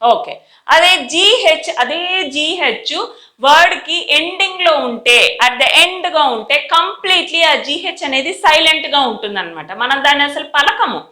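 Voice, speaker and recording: Woman tutor, high bright voice, says example words slow and drawn out, echoey room. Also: expressive. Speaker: English pronunciation tutor. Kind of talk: teaching lesson in Telugu.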